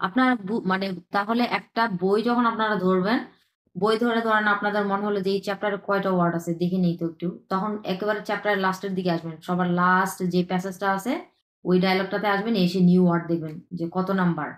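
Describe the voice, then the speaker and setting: A woman teaching an online language lesson, who says each word slowly two or three times and checks in with short questions. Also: medium pitch, steady tone, reverberant. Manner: repeats words slowly, checks in with "হ্যাঁ?".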